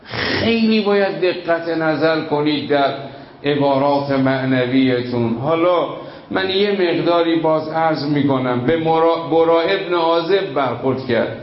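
Man preaching a heartfelt sermon. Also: on the high side. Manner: emotional storytelling with dramatic pauses and sudden rises. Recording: echoey room, dull lo-fi sound, faint noise.

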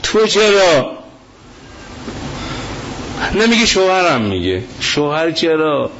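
A male cleric delivering a fiery religious sermon, impassioned and quoting scripture, rising to shouts. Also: fairly high pitch, big pitch swings. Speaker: cleric preacher. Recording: dull lo-fi sound with faint noise.

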